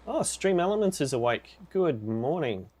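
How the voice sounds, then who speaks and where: A man's voice: on the high side, big pitch swings, normal speed, darkish tone. A man streaming a game live, chatting casually with viewers and reacting with upbeat exclamations.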